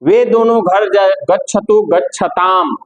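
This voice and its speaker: Middle-aged guy teaching a class, slow and patient, repeats every step. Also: sits high, low-quality recording. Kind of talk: classroom lesson.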